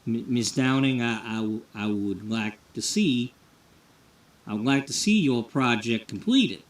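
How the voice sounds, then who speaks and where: A man's voice: medium pitch, expressive, measured pace, roomy sound, distant mic, lightly acted. A man doing a stammering, eager contractor. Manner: stammering, over-eager to please. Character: nervous stammering male tile contractor.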